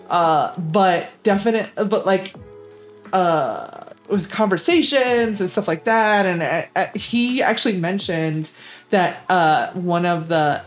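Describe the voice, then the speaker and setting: A young woman hosting a gaming channel, chatting casually and rambling with lots of fillers about games she likes. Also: lowish voice. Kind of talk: casual gaming vlog commentary.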